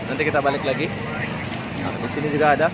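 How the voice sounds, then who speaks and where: A man with a high-pitched voice hosts an informal walking vlog. He chats casually with viewers and passers-by, addressing them like mates. The recording is very noisy, with loud outdoor street ambience all around him. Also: level tone, quick pace. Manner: chatty and informal, often addressing listeners and vendors as boss or brother. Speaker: vlogger, host. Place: busy outdoor night market. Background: loud vehicle and street noise.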